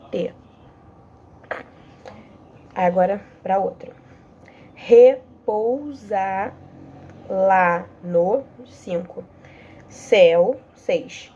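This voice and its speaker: Husky young Brazilian woman teaching. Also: mid-range voice, mellow, lo-fi sound. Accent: Brazilian Portuguese. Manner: hesitant, with many fillers and restarts. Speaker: student volunteer teacher. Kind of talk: casual online lesson.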